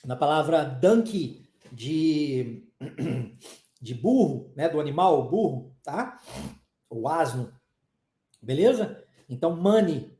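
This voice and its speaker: In a casual live online lesson on English pronunciation, a Southeastern Brazilian man talks in a chatty way, frequently asking "tá?" and occasionally coughing. His high-leaning voice swings widely in pitch, and he speaks slowly with long pauses. The tone is warm and the sound roomy.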